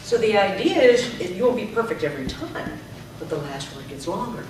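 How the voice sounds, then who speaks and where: A woman running a speaking workshop as a speech coach draws out syllables in her demonstrations, speaking briskly at a medium pitch with big swings in intonation. The club meeting room is echoey, and the recording is noisy and far from the mic.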